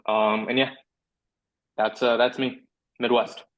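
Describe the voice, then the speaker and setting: A man with a flat, even voice gives a casual self-introduction on a video call. He pauses with "um" between thoughts. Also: medium pitch, poor audio. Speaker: attendee, multifamily investor.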